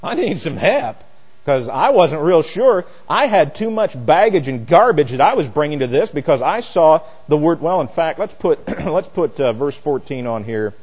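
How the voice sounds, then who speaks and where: Preaching through a Bible lesson at a moderate pace, this pastor sounds very animated, his fairly high voice darkish and husky. His expository teaching is emphatic and opinionated, plain-spoken and folksy.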